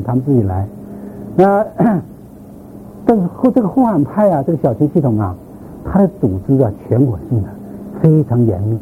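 A man giving an informal lecture to a class, rambling with repeated words and filler sounds and putting questions to the listeners. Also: medium pitch. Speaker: lecturer on church history. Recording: tinny phone-like sound, faint background noise.

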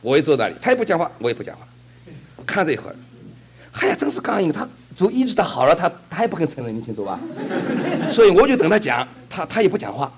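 A man's voice: a little high, big pitch swings, quick pace, slight background noise. A man preaching a fervent sermon and telling a testimony, asking the congregation rhetorical questions.

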